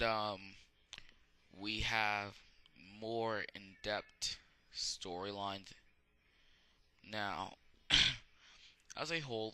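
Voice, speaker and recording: A young amateur video reviewer rambles through a casual movie review, halting and full of fillers and restarts. He has a sore throat, and his lowish voice sounds pushed and bright.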